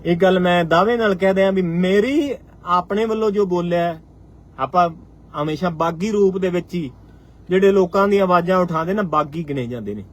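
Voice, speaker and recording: A man in his forties with a Punjabi accent addresses his followers on a live stream. His voice sits noticeably high, and he talks with fiery conviction. He keeps returning to the same lines to drive each point home. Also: brisk. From Punjab, India. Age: 40s. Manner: fiery, rhetorical, repeats phrases for emphasis. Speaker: farmers' union state leader.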